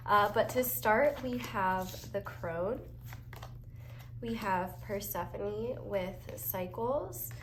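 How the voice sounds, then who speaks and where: Still getting over a cold, this young tarot reader speaks at a medium pitch, keeping her pick-a-card reading relaxed, cheerful, and packed with fillers. Background noise sits under the echoey room's faint ambience.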